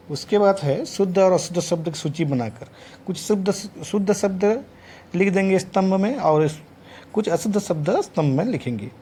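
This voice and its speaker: A man's voice: on the high side, warm tone, slight background noise. A middle-aged man lecturing teacher trainees, listing examples one word at a time with frequent restarts. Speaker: teacher educator. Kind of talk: classroom lecture.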